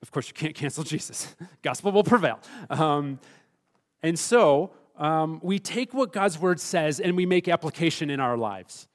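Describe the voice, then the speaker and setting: A man preaching a sermon as pastor, emphatic, swinging between loud stressed phrases and hushed, quiet asides. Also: a little high, expressive, unhurried.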